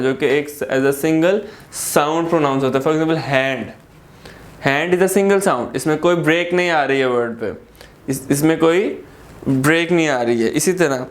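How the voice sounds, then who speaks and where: Slow-explaining Pakistani male teacher. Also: on the high side. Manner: explains slowly, repeating words and asking rhetorical questions. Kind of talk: classroom grammar lesson.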